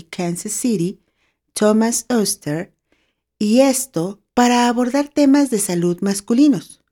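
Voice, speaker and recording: A woman's voice: mid-range voice, dark tone. A woman hosting her own podcast, talking in a cheerful, playful, chatty way. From Mexico. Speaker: podcast host. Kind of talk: solo podcast monologue.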